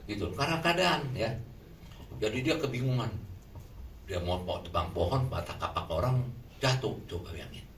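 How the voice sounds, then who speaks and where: A man preaching a sermon in a lively way, often putting questions to the congregation. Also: medium pitch, normal speed, pauses often. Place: shelter hall. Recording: echoey room from far off, faint noise.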